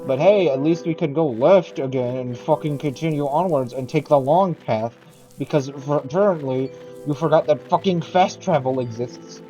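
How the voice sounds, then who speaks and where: A man's voice: on the high side, moderate pace, mellow, faint music behind. A man doing profane gaming commentary, crude and exasperated, mock-aggressive. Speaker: gameplay commentator.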